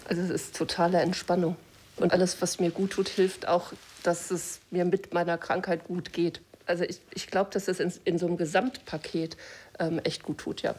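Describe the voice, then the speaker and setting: A woman patient talking hesitantly and relaxed about her treatment. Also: fairly low pitch, moderate pace, slight background noise. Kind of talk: interview answer.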